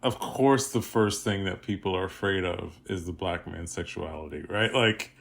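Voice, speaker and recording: A man's voice: low voice, normal speed, gravelly, fairly bright tone. A man in a casual film discussion, talking reflectively and repeating points for emphasis.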